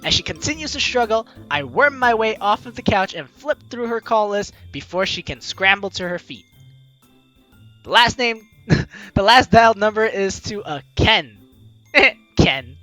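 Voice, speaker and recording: Unhurried and animated, a woman with a bit of brightness in her mid-range voice narrates a game playthrough she's hosting. She reads the text aloud expressively, giggling and joking along, while soft music plays.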